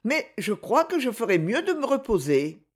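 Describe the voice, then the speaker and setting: A reader voicing Magali, a gentle young woman still shaken, with a raised, soft and earnest voice in a storybook reading. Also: medium pitch, sing-song, moderate pace, breathy edge, pitched above the performer's own voice. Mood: wistful.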